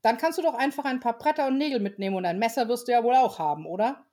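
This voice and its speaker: A woman's voice: fairly high pitch, expressive, rapid-fire, mellow, voice pushed up. A friendly, playful Father Christmas talking a fellow into a swap, cheerful and persuasive, from a storybook reading. A woman reads him in a voice close to her own.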